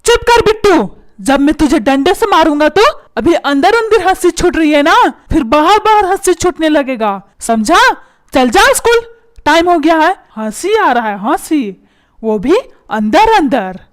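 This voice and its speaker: A tight-fisted, short-tempered cartoon husband, voiced by a woman barks out sarcastic threats in a very high voice that leaps up and down. The delivery is comic dubbing, quick to scold. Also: very animated. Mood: threatening. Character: stingy, short-tempered middle-aged husband.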